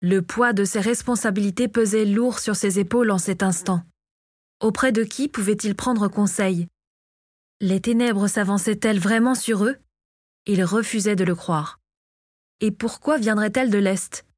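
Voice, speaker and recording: A woman narrating a fantasy audiobook in a calm, measured storytelling manner. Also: medium pitch, dry recording, studio quality. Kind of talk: scripted narration of a fantasy novel.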